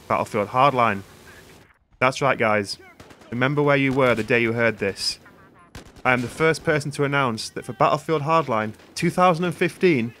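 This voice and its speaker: A man's voice: fairly high pitch, a bit bright. A British man doing sarcastic, mock-serious parody news anchor commentary for a gaming channel. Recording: gunfire and game noise behind voice. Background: video game gunfire.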